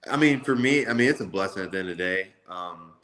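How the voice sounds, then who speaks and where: A man's voice: sits low, expressive, fast talker, a bit bright. A man in his twenties chatting casually in an interview as a college football player, with a loose, slangy way of talking. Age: 20s. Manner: loose, slangy, repeats "like" often.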